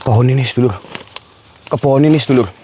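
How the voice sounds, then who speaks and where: A man, vlogging outdoors at night in the woods, speaking slowly to viewers, often dropping to a whisper and repeating himself. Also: mid-range voice, warm tone, a little hiss or hum. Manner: slow, often drops to a whisper, repeats phrases. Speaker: ghost-hunting vlogger. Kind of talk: hushed night vlog to viewers.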